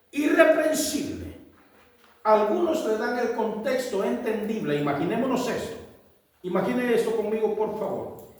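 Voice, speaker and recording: A man preaching a sermon, often acting out church members' quoted remarks in little voices. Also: sits high. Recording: echoey room, voice from a distance.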